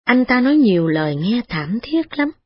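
A woman reading a story aloud in a steady, expressive way. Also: fairly high pitch, moderate pace, slightly rough. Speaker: narrator. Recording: dull lo-fi recording with faint music.

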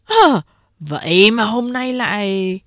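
A woman's voice: mid-range voice, lively intonation, takes it slowly, fairly bright tone, dry recording, studio quality. A woman voicing a loyal male underling who anxiously coaxes his boss and rebukes a young woman indignantly. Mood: fretful.

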